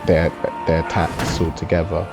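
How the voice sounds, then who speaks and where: Man, low-pitched voice, casual gaming commentary, conversational explainer, prominent background music. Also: flat delivery, normal speed, vocal fry. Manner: explanatory and conversational, often tagging on "you know". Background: music under the voice.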